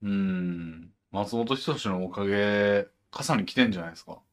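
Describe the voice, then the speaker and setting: A man's voice: lowish voice, normal speed. A man with a Kansai Japanese accent hosting a casual podcast chat, laid-back, with many short backchannel replies. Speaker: podcast host.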